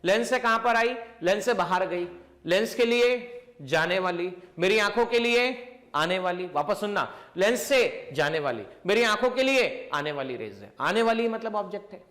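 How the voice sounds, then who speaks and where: High-voiced guy teaching physics, keeps asking then answering his own questions. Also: lively intonation, fairly bright tone. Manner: repeats questions and answers them himself; slows down to stress key points. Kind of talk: classroom lecture.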